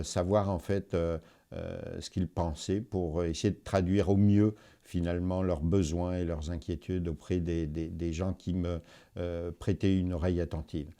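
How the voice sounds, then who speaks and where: A man with a northern French accent, a provincial politician introducing himself to viewers in a measured, reflective way. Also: sits low, dark tone. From France, Nord-Pas-de-Calais. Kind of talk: personal self-introduction to viewers.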